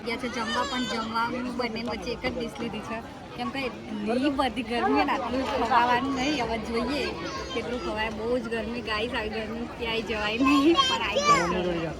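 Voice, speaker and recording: A woman's voice: on the high side, fairly even intonation, a little fast, heavy background noise. A woman vlogger chatting to her viewers on a handheld phone, calling them guys as she goes about a busy home gathering. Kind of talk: casual vlog chat. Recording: phone vlog with crowd chatter.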